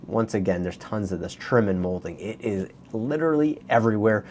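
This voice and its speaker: A man's voice: fairly low pitch, expressive, fairly quick, a little mellow, a little hiss or hum. Chatty Canadian man touring listings. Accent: Canadian English. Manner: chatty, conversational, addresses viewers directly. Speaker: real estate video host. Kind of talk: casual walkthrough commentary on listings.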